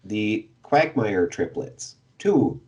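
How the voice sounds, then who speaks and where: His pitch is fairly low but swings widely, and he speaks slowly with a slightly mellow sound; the highs in the recording are cut off. He's a podcast co-host casually recounting a book's plot, hesitant and peppered with fillers and small laughs.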